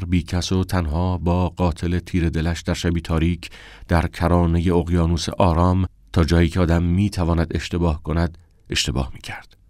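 A man narrating an audiobook in the first person, with a measured, somber reading. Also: low-pitched, a little mellow, no room sound, studio quality.

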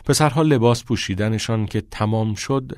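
Low-voiced man reading an audiobook. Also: no echo, studio quality. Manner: calm measured reading. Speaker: audiobook narrator. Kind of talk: scripted narration.

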